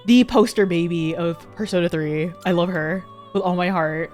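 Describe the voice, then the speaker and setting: A woman's voice: lowish voice, moderate pace, darkish tone, faint music behind. A young woman streaming a game, chatting casually and giggling with her viewers.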